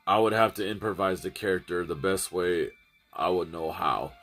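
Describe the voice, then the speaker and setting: A man's voice: sits low, fairly even intonation, moderate pace, fairly bright tone, soft background music. A man chatting casually to his livestream audience, rambling and often restarting and repeating his phrases. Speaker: streamer.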